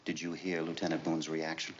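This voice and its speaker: A methodical navy prosecutor in a 1970s TV courtroom drama, building his case step by step. His voice is deep and low. The sound is dull and lo-fi, with faint hiss. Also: monotone. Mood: probing. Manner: measured, hesitant questioning. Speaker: prosecuting lawyer.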